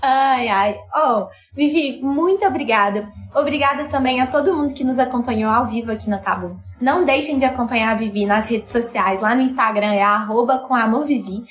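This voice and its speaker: A woman's voice: a little high, brisk, few pauses, reverberant. A woman hosting a live stream, wrapping up upbeat and recommending links, over a video call. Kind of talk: casual live-stream chat.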